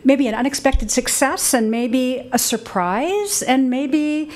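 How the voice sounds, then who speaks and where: Woman moderator, somewhat high voice, casual, restarts, library event. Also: animated, slow, darkish tone. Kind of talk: moderating a panel. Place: library event room, indoors.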